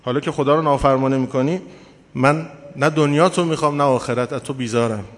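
A man's voice: medium pitch, fairly even intonation, natural voice. A man voicing a loyal, devout male slave who defies his master, speaking earnestly. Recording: long hall reverb.

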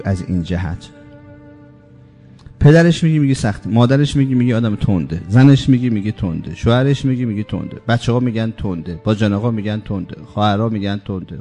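A man giving a religious sermon, speaking emphatically and piling up repeated lists, slowing down to stress key words. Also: medium pitch, dark tone. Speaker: preacher.

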